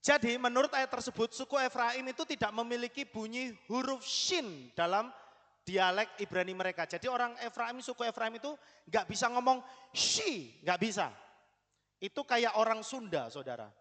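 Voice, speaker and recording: A man's voice: extremely high pitch, moderate pace, a bit bright, big-room sound. A man preaching a sermon in a conversational way, often putting questions to the congregation.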